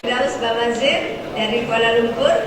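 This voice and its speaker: A man's voice: very high voice, steady tone, measured pace, heavy background noise. A man introducing himself at a conference. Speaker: conference attendee. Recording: echoey hall from far off. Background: loud crowd.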